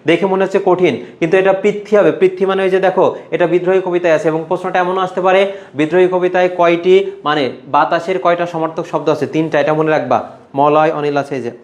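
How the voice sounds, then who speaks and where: A man's voice: sits high, steady tone, fast. Coaxing male Bangladeshi exam tutor. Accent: Bangladeshi Bengali. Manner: coaxing, repetitive teaching, addresses students by name. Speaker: admission coaching teacher. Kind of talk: online exam-prep class.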